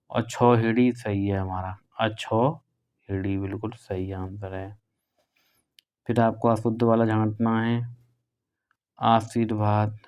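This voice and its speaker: Brisk teacher with a smooth, low voice. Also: male voice, dark tone. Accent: Hindi, northern India. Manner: brisk and conversational, drawing out key words. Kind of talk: exam prep lesson going through questions.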